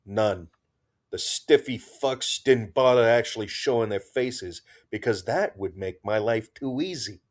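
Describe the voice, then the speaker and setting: A wry woman major trades dry remarks and gives clipped orders in a fairly low, steady voice. The voice stays close to the reader's own, as a man reads her lines. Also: a little slow. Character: wry woman major, squad leader, sardonic.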